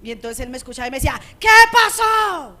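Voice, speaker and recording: A middle-aged woman pastor preaching a sermon in a conversational way, often checking in with her listeners, with a strong, loud voice. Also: on the high side, flat delivery, rapid-fire. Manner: conversational preaching, frequent rhetorical checks with the congregation. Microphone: radio studio microphone.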